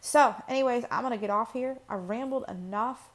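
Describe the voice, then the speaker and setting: A woman's voice: on the high side, fairly quick. A woman hosting her own channel, talking casually and personally to camera, rambling with fillers and restarts. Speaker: channel host. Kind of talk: personal vlog talk to camera.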